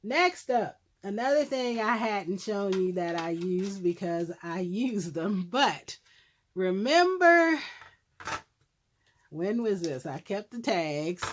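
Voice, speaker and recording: A middle-aged woman casually showing her handmade crafts, slightly hoarse as she loses her voice, with a rambling manner full of ums and self-corrections. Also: mid-range voice, animated, slow pace, a little hiss or hum. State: losing her voice, clearing her throat. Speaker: crafting YouTuber. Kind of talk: casual craft show-and-tell.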